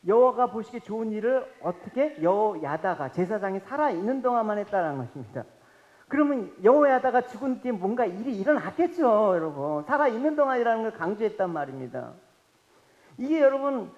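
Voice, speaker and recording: Man, pastor, sunday sermon, high voice, animated, long hall reverb, dull lo-fi sound. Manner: animated, addresses congregation directly. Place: church sanctuary.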